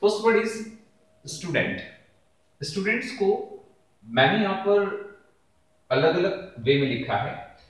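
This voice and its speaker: A man teaching a lesson, sounding out words slowly syllable by syllable. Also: high voice, very animated. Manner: slow, drawn-out word pronunciation drills. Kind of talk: classroom-style lesson explanation. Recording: echoey room.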